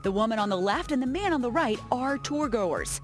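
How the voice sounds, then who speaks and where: A woman's voice: on the high side, lively intonation, fairly quick. An American woman working as a TV news reporter, reading scripted narration for a travel feature. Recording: music behind the voice. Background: background music.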